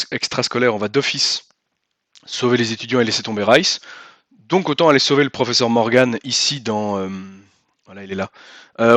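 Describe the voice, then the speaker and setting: A man's voice: medium pitch, fairly bright tone, dry recording. Man thinking aloud over a tabletop game, close and dry. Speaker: host and player of a cooperative card game. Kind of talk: casual gameplay commentary, explaining rules and moves aloud.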